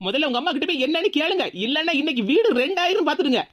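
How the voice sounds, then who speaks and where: A woman voicing a young, quick-tempered daughter-in-law in a cartoon, speaking with a Tirunelveli Tamil accent. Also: high voice, animated. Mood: complaining. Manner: complaining, rapid, demanding. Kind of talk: cartoon voice acting.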